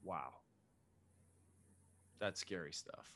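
A man's voice: low voice, drawn-out words, bright, forceful tone. A man born in Zimbabwe, a filmmaker chatting casually in an interview, rambling with many restarts and fillers. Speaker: filmmaker guest.

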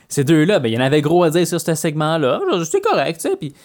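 A man's voice: on the high side, sing-song, quick pace, a little mellow. A man with a Quebec French accent, co-hosting and editing a podcast, chatting casually with offhand asides. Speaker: podcast co-host and sound editor. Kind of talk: casual chat.

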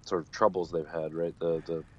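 A man co-hosting a casual sports chat by phone from a parked car, rambling and laughing easily, his voice thin with no bass. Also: little pitch movement, moderate pace, a little mellow, slightly rough. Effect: thin phone-line sound with no bass. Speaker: co-host. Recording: dull dry phone line.

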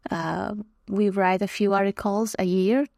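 A woman's voice: medium pitch, steady tone, unhurried, creaky, a little mellow, no room sound, clean studio sound. A woman from Croatia, a guest on a podcast, talking casually, with many fillers and frequent laughs. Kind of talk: casual chat.

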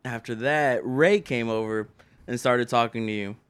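A young man telling a story among friends, animated and acting out what people said, with plenty of swearing. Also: medium pitch, moderate pace, clear, resonant tone. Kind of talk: casual storytelling.

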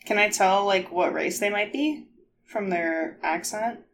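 A woman's voice: medium pitch, measured pace, slight background noise. A woman chatting casually as a player in a tabletop role-playing game.

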